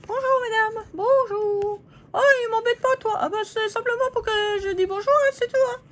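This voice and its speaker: A woman voicing squabbling paper-doll ladies in a squeaky, high, bickering voice. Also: normal speed. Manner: bickering, teasing, snappy.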